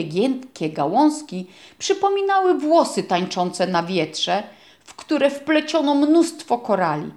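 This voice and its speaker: A woman reading a children's storybook aloud in a gentle, expressive narrating voice. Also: medium pitch. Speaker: audiobook reader.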